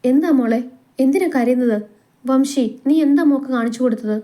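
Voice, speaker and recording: A woman's voice: sits high, brisk, mellow, pitched above the performer's own voice, close to an everyday voice. A woman voicing a protective older sister figure in a storybook tale, raising her voice anxiously. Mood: worried, angry.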